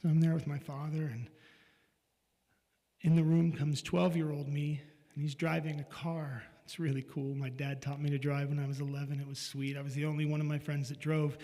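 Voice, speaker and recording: Middle-aged man, light higher voice, telling a personal story frankly, with casual swearing; long hall reverb. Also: flat delivery, moderate pace, mellow. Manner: candid and confessional, with casual swearing. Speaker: speaker sharing a personal story.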